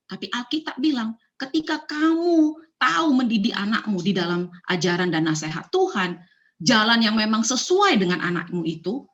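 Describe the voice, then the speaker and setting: A woman's voice: mid-range voice, fairly bright tone, lo-fi sound. Woman preaching in a conversational way. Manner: conversational, mixes English phrases, many fillers and rhetorical questions. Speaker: church speaker. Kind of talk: sermon on parenting.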